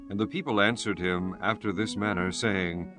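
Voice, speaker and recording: A man giving a solemn, measured dramatized narration of scripture as a storyteller. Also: on the low side, fairly even intonation, fairly bright tone, faint music behind.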